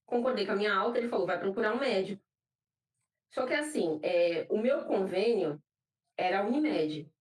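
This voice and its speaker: A woman's voice: medium pitch, animated, normal speed, darkish tone. Brazilian woman giving church testimony, echoey. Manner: emotional storytelling, repeats phrases for emphasis. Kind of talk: personal testimony. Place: church hall. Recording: roomy, from a distant mic.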